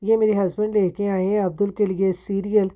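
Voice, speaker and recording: Narrating her day for viewers, a home vlogger from Pakistan talks chattily and poses questions to her audience while nursing a sore throat. She speaks fairly quickly in a dark, mid-range voice with little pitch movement.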